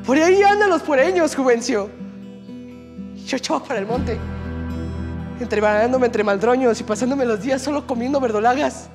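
A man's voice: very high voice, fairly even intonation, brisk. A young male student actor playing a hunted, desperate man on the run from his killers, declaiming dramatically in a stage play rehearsal. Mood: haunted, desperate. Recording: reverberant hall with guitar music.

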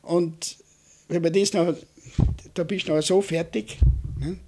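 An older man with a Vorarlberg Austrian German accent, recounting his war memories in a halting way, repeating words and tagging "nicht?" onto nearly every sentence. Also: on the high side, steady tone, darkish tone. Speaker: war veteran interviewee. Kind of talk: oral history recollection.

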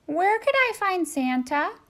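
A woman voicing a squeaky, anxious turkey. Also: big pitch swings, measured pace, fairly bright tone, exaggerated voice. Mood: pleading. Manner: squeaky, pleading, gobbling exclamations. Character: anxious male turkey, desperate and plucky.

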